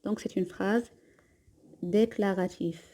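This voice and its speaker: A woman from Morocco with a Moroccan accent, teaching a grammar lesson. She reads each example slowly and twice, then explains it quickly. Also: mid-range voice, steady tone, dark tone. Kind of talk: grammar lesson mixing Moroccan Arabic and French.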